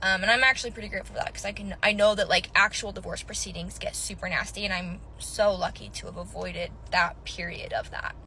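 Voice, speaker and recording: A woman with a Utah accent talks casually about her own life. Her voice is bright and forward, and her delivery is chatty, sprinkled with "like". There is clear noise behind her in the recording. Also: mid-range voice, steady tone, fast talker, few pauses, poor audio. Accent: Utah American. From Utah, United States. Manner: chatty, many "like"s. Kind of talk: casual personal storytelling to camera.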